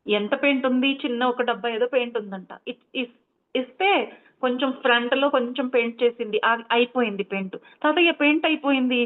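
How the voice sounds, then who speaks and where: A woman meditation teacher retells a story, stopping often to explain things to her listeners. Her voice sits a little high. The sound is thin and phone-like. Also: a little fast. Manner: explanatory, chatty, many asides. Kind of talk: storytelling talk. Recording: tinny phone-like line.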